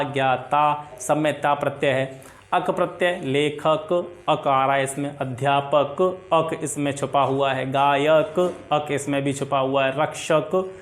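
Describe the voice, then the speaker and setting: A man teaching a Hindi grammar lesson for exam preparation, listing example words and asking and answering his own questions. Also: on the high side. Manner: often adds filler checks like "theek hai".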